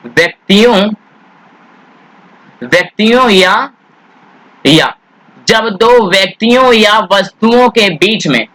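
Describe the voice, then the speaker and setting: A man teaching English grammar, speaking Hindi mixed with English words in an Indian accent. He asks questions and then answers them himself, and he draws out the English words slowly. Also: high voice, pushed and bright, rough recording. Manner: addresses students as "beta", asks and answers his own questions. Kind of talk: classroom grammar lesson.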